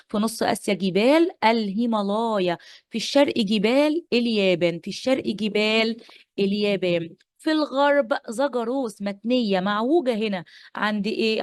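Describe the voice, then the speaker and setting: Rapid-fire Egyptian woman teacher. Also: medium pitch, darkish tone, dry recording. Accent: Egyptian Arabic. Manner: playful, repeats points and quizzes pupils. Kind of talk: exam-prep lesson.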